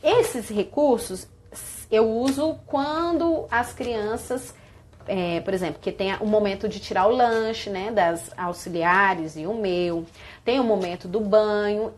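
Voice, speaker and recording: High, animated Brazilian teacher woman. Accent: Brazilian Portuguese. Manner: animated, demonstrating with sung greetings and props. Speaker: early childhood teacher. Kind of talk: live-stream class demo for teachers.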